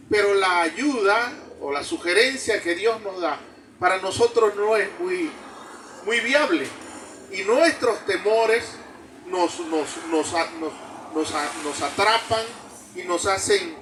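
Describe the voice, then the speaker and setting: Male preacher, high-pitched, storytelling sermon, noisy background. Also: fairly bright tone. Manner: slow storytelling with repetitions. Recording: distant mic with background noise.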